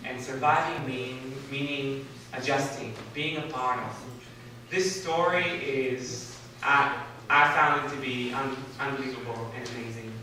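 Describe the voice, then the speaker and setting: A man's voice: medium pitch, steady tone, unhurried, bright, forceful tone, slight background noise. A man hosting an evening event, earnestly introducing the next speaker with slight hesitations. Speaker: event host. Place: large hall. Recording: very echoey hall from far off.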